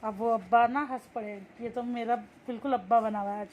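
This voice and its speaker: A woman's voice: fairly high pitch, steady tone, brisk, phone-quality sound, slight background noise. A young woman teacher reading a textbook story aloud and explaining each line in simple words. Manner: reads a line, then restates it in simple words.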